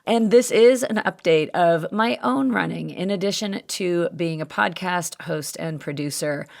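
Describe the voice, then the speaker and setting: A woman in her fifties hosting a solo podcast in a conversational, candid way, her voice very gravelly and hoarse from cheering. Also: fairly low pitch, unhurried. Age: 50s. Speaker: podcast host.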